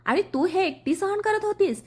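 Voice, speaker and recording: A woman's voice: very high-pitched, animated, normal speed, darkish tone, pitched above the performer's own voice. A woman voicing an earnest, protective young husband in a storybook reading, speaking firmly and pleadingly. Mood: earnest, pained.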